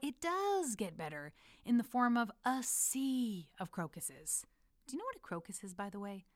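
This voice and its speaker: A woman's voice: medium pitch, dry recording, clean studio sound. A woman from the United States reading her personal letter aloud, intimate and playful, calling the listener her love. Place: lives in Amsterdam.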